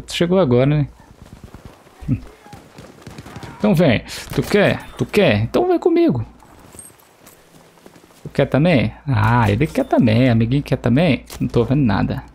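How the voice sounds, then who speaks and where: A young Brazilian gaming streamer with a Brazilian Portuguese accent jokes and swears casually while playing live and talking with teammates. His mid-pitched voice is creaky, mellow and husky, with faint game sounds in the background.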